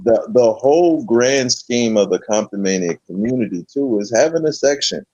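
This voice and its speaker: Male host, casual slangy chat, middle pitch, dry and muffled audio. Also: lively intonation, mellow, no room sound. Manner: laid-back slangy, drawn-out hype. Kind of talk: casual late-night chat.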